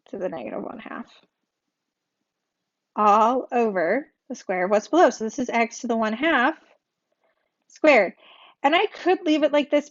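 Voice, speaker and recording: A woman teaching a recorded calculus tutorial in a chatty way. She corrects herself often and recites a memory rhyme. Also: a little high. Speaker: math teacher. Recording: dull lo-fi audio.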